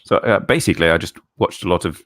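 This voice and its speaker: A middle-aged English man with a low, deep voice and a fairly bright tone reads viewer questions during a loose live stream. His answers come in halting bursts, with stumbling restarts and lots of chuckling.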